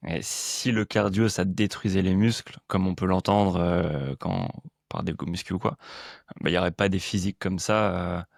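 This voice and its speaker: A man's voice: sits low, normal speed, creaky, no room sound, studio quality. A man hosting a casual podcast conversation and coaching, talking in a hesitant, laid-back way with many fillers.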